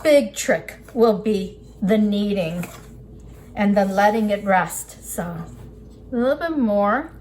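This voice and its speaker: A woman's voice: mid-range voice, lively intonation, slow pace, darkish tone. A woman giving a casual cooking demonstration as an instructor, explaining each step as she works with her hands. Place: indoors at a work table. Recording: clear background noise, kitchen ambience.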